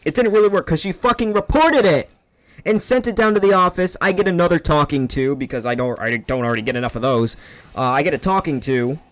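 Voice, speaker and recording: A man's voice: fairly high pitch, expressive, brisk, no room sound. A man streaming games while telling a long, profane story in a sarcastic, rambling way. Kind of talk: casual rant over gameplay.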